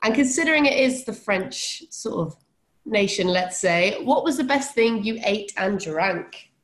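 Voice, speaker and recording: A woman's voice: mid-range voice, animated, unhurried. Chatty woman hosting a podcast. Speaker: podcast host. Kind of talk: casual podcast interview.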